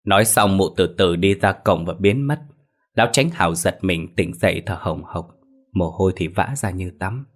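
A man narrating a scripted ghost story in a measured, ominous way. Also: deep voice.

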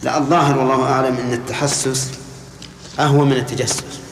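A man giving a religious lesson, measured and explanatory, pausing to question his students. His voice rings through a large hall with a long reverb tail. A faint hum sits underneath. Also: medium pitch, flat delivery. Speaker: religious teacher. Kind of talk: lecture explaining hadith to students.

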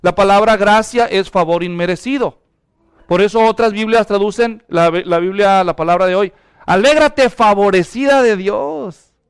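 A man preaches a lively sermon in a high-pitched voice. His tone is smooth and clear, and he keeps urging his listeners to turn to one another and speak. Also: normal speed. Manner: animated, urges the congregation to respond aloud. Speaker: pastor.

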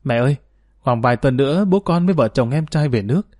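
A man's voice: mid-range voice, lively intonation, fast talker, darkish tone, no room sound, studio quality, close to an everyday voice. Man reading as a caring grown daughter-in-law. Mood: pleading.

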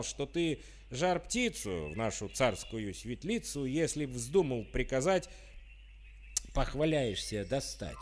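A man voicing an angry, bossy old tsar who shouts threats, in a storybook verse reading. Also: fairly high pitch. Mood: stern. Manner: shouting, commanding.

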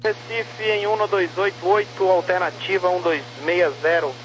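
A man's voice: sits high, fairly even intonation, normal speed, fairly bright tone. A man working as an air traffic controller, giving clipped instructions over aviation radio. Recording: noisy crackly radio channel.

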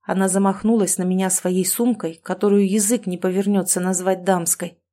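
A woman narrating an audiobook in the first person, with an even, dry reading manner. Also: mid-range voice, normal speed.

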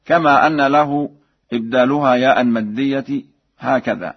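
A man of middle pitch teaching Quran recitation rules over a dull, lo-fi radio broadcast. He explains each rule calmly and then chants the example slowly and melodically. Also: husky.

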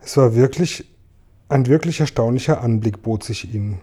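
A man reading a children's storybook aloud in a calm, measured way. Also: mid-range voice, breathy edge. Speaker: reader.

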